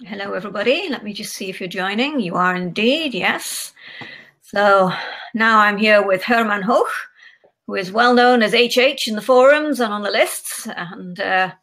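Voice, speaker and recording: A woman's voice: medium pitch, normal speed, a bit bright, low-quality recording. A woman hosting a livestream on a video call, upbeat and chatty as she welcomes viewers. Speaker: livestream host.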